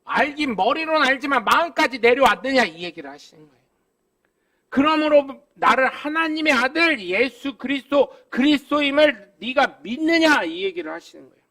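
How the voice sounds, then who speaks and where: A man preaching a live Sunday sermon as pastor, animated and humorous, with emphatic exclamations. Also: very high voice, moderate pace, vocal fry. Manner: animated, humorous, acts out dialogue.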